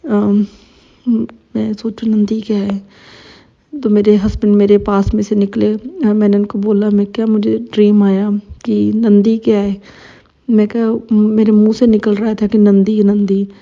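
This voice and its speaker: Woman, thirties, gravelly, flat delivery, dull lo-fi sound. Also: medium pitch. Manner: emotional, hesitant storytelling with many fillers. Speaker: devotee sharing a testimony. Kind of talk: personal testimony. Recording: dull lo-fi recording.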